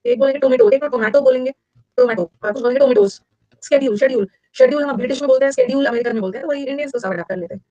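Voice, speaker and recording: Indian woman, exam tutor, brisk and chatty, dry muffled mic. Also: high-pitched, mellow, no echo. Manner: fast, chatty, switches between Hindi and English. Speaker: English teacher for competitive exams. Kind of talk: live online class.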